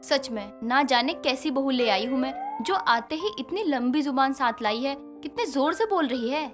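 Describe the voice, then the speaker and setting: A woman's voice: high-pitched, lively intonation, normal speed, over music. A fretful, scolding mother-in-law. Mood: worried. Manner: worried, scolding gently.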